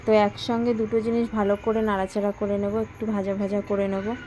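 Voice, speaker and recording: A woman's voice: medium pitch, level tone, fairly quick, mellow, faint music behind. A woman with a Bengali accent, chatting viewers through a home cooking vlog step by step and cooing at her toddler. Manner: chatty, talks viewers through each step, sing-song baby talk to her toddler. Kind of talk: casual cooking vlog narration.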